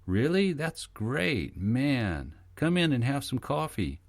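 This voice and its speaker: A man's voice: medium pitch, animated, moderate pace, creaky, no echo, pitched above the performer's own voice. A man reading the part of a young woman art student, lifting his voice a little for her eager lines.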